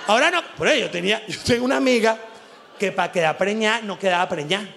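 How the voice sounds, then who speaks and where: A man with a Venezuelan accent doing an animated, crude stand-up comedy monologue, acting out little voices as he goes. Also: sits high, fast talker, creaky, noisy background. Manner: animated, crude, laughs often, acts out voices. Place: live show venue.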